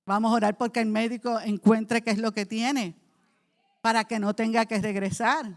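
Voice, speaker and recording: A woman pastor preaching a sermon in church, impassioned, moving from soft speech to loud cries. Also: a little high, fairly even intonation, normal speed.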